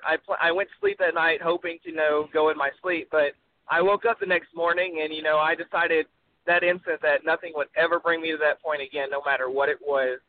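A polite nineteen-year-old man with a Texan accent, calling in as an interview guest and talking earnestly, sounding like he is in a wind tunnel. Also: a little high. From Texas, USA. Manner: polite, says sir. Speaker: phone-in guest. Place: call-in from a car. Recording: tinny phone line, windy noise like wind tunnel.

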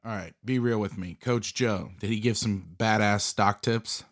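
Male podcast host, casual joker, lower-pitched voice. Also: measured pace. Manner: casual, joking storyteller.

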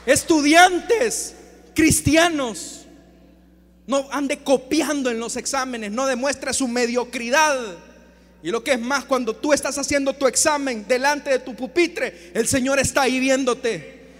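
A man preaching a sermon at a church service, impassioned and swinging between shouted emphasis and hushed appeals. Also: very high voice, fairly even intonation, normal speed, in a large hall.

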